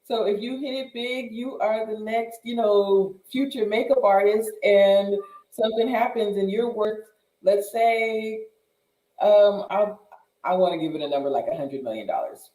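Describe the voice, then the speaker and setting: Mellow-voiced host asking hypotheticals. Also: mid-range voice, a little slow, roomy sound, poor audio. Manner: asks leading hypothetical questions. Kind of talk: casual chat, hosting a panel.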